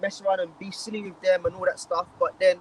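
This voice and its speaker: A man's voice: high voice, level tone, fast talker, far from the mic, a little hiss or hum, poor audio. A man with a London accent preaching outdoors, lecturing emphatically and reading scripture aloud. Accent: London English. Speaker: street preacher. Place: outdoors in a city street.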